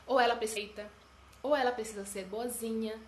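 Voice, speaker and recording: A woman with a fairly high voice gives a teaching talk. She keeps posing questions and answering them herself. Her voice rings in a roomy, echoey space with a faint hiss behind it. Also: steady tone, normal speed. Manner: poses rhetorical questions, then answers them. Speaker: self-esteem teacher. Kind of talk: spoken talk on self-esteem. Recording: roomy echo.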